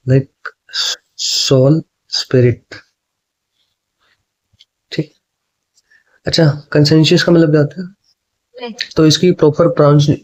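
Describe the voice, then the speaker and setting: Chatty Hindi-speaking exam tutor. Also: male voice, a little high, warm tone. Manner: chatty, repeats "ठीक है", reads options slowly. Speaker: exam prep teacher. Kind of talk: explaining English exam questions in Hindi. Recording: dull lo-fi sound.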